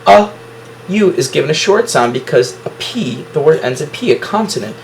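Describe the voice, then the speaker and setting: A man's voice: on the high side, lively intonation, moderate pace, creaky, soft background music, rough recording. A man teaching a phonics lesson to a class, explaining syllables at the whiteboard and praising students often.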